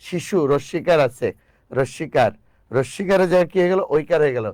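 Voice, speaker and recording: A man's voice: fairly high pitch, lively intonation, a little fast, darkish tone, no room sound. Male teacher with a dry, close sound. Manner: repeats each rule, addresses the student directly; corrects himself mid-sentence. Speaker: grammar teacher. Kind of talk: explaining grammar rules.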